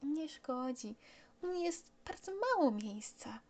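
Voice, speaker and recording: A woman voicing a small, gentle, curious boy prince from another planet, asking innocent, wondering questions. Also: high-pitched, very animated, slow, pitched above the performer's own voice, exaggerated voice. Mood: serious.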